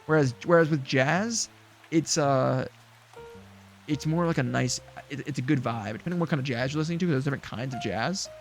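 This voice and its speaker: A man chatting casually as he streams a farming game, mid-pitched and easygoing. He rambles with fillers and restarts, and faint music plays behind him. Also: fairly quick. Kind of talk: casual gameplay chat.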